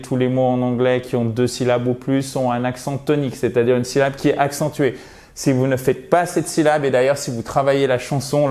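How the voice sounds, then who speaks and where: A man gives an English lesson in in a chatty, lively way. His voice sits at an average pitch for a man, and he slows right down to sound out English words for his learners. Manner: lively teacher, spells out English words slowly for pronunciation. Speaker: English teacher. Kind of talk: video lesson.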